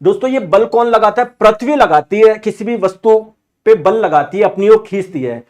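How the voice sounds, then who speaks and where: A man teaching an exam-prep physics lesson in a lively way, often asking questions and answering them himself. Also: high-pitched, moderate pace. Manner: lively, asks and answers his own questions; acts out students' objections in asides.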